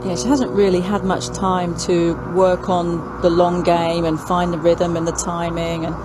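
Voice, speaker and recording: Female golf commentator, clear background noise. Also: on the low side, little pitch movement, a little slow. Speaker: golf analyst. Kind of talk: live golf analysis, conversational.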